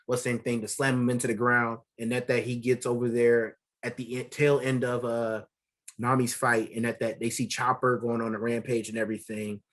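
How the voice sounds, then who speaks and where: A man's voice: medium pitch, fairly quick. Male co-host, mid-range voice, casual rambling anime recap with slang and fillers. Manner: rambling, loose slang, many fillers, animated retellings. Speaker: podcast co-host. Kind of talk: casual anime review chat.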